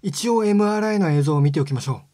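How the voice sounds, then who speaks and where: A man giving a scripted lesson on speech sounds, explaining step by step in a calm, polite way. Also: a little high, very fast, no room sound, studio quality. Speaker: phonetics teacher.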